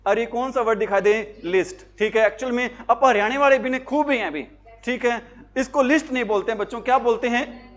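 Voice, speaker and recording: A man's voice: sits high, a bit bright. A man teaching grammar for job exams, asking his class questions and answering them himself with repeated emphasis. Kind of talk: classroom lecture.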